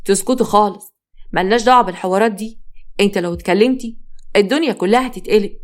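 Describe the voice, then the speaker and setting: Woman reading a stern egyptian husband, quick, no-nonsense. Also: mid-range voice, lightly acted. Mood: firm. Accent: Egyptian Arabic.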